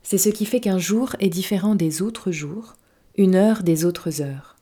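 A woman reading a soft-spoken wise fox. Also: mid-range voice, unhurried, husky. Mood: tender. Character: wise gentle male fox, patient and wistful. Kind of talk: storybook reading.

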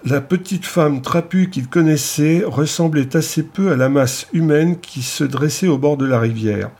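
A man narrating an audiobook in a steady, measured reading. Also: fairly high pitch, slightly rough.

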